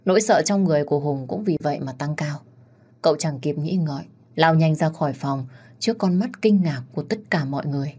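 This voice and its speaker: A woman narrating a story in a steady, scripted storytelling manner. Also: low-pitched, brisk, breathy edge.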